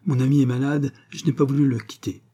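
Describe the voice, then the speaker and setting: A man voicing a timid, flustered young gentleman who speaks hesitantly, at times half-whispered, in a storybook reading. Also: medium pitch, fairly even intonation, fast talker, pitched above the performer's own voice, close to an everyday voice.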